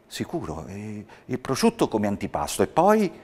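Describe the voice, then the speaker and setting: A man voicing a kindly, poor old male shoemaker in a read-aloud storybook, speaking warmly and contentedly. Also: on the low side, wildly swooping pitch, moderate pace, breathy edge, long reverb tail, exaggerated voice.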